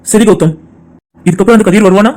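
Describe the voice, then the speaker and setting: Cartoon role: a man doing a loyal, reassuring friend, high-pitched, brisk. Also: close to an everyday voice. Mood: consoling. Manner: calm, consoling. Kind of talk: cartoon voice acting.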